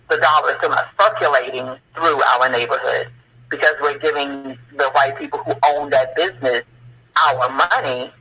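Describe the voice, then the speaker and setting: A man's voice: medium pitch, bright, forceful tone, low-quality recording. A man speaking as a guest on a radio talk show, telling history in an earnest way that rises to impassioned questions.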